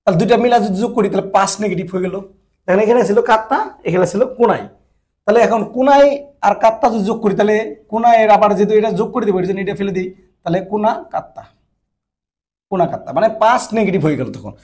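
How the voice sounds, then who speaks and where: A man's voice: sits high, very fast, a little mellow. A man teaching a grammar lesson, repeating each point and often checking that his listeners follow. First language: Bengali. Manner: repetitive, checks understanding often. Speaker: Japanese language teacher. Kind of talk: classroom-style grammar lesson.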